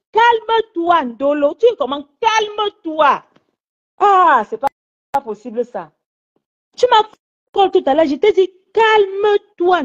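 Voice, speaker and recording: A woman's voice: very high voice, darkish tone. A woman calling into a live stream, insistently soothing and scolding. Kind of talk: pleading phone call into a live stream. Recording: dull lo-fi phone audio.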